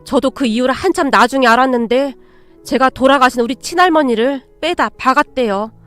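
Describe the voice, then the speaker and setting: Woman storyteller, high voice, even plainspoken reading, scripted narration. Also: brisk, faint music behind.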